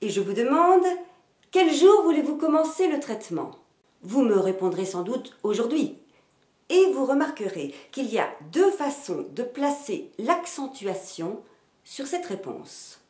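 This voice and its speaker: A woman teaching phonetics in a slow, deliberate scripted narration, demonstrating intonation and stress with varied emphasis. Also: a little high, big pitch swings, a little mellow. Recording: roomy echo.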